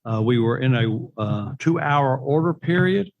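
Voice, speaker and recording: A man speaks in a middle-pitched voice with a hillbilly accent of the rural American South. He presents like a financial adviser at a public meeting, explaining technical points in plain, homely terms. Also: lively intonation, a little slow, vocal fry, dull audio.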